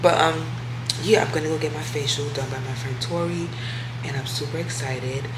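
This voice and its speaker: A woman vlogger chats casually to camera for her viewers, slangy and talkative, with a congested voice and a sore throat. Her voice is low, her tone steady, her pace moderate, and there is background noise.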